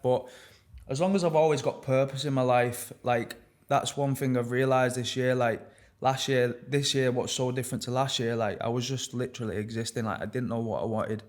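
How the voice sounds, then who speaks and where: A young man talking openly and reflectively as a podcast guest, halting often and swearing casually. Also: mid-range voice, fairly even intonation. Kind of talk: candid personal conversation.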